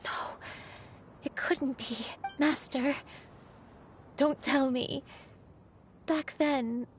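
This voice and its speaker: A woman voicing a gentle, remorseful former disciple in a video game, earnest and reflective, with careful phrasing. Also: high voice, steady tone, very slow, slight background noise. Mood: shocked, doubting. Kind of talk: scripted video game voice acting.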